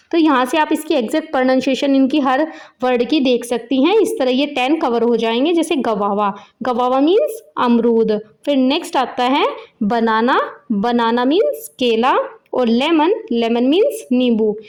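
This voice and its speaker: A woman's voice: high-pitched, darkish tone. A woman, patiently explaining a children's textbook lesson as a teacher. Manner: slow, patient word-by-word explaining.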